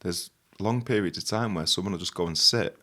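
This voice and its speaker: A man's voice: low-pitched, a little fast. A young man telling stories in a casual chat. He talks with lots of fillers and laughs often. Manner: animated, laughing storyteller with many fillers. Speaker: guest host.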